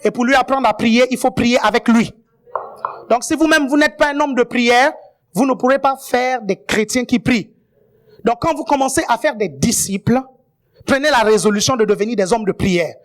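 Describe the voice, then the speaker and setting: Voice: mid-range voice, moderate pace. A guest preacher giving a sermon, often checking in with the congregation and adding playful asides.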